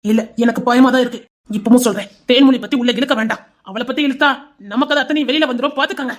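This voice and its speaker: A woman acting out a jittery lawyer in a homemade drama, rushing out warnings in a quick, high voice with a Tirunelveli Tamil accent. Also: steady tone, close to an everyday voice. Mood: worried. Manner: hurried, warning. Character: nervous cautious male lawyer.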